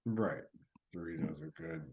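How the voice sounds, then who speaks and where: A man's voice: very deep voice, a little slow, muffled recording. A man co-hosting a podcast in casual chat, laid-back and rambling with many fillers. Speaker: podcast co-host.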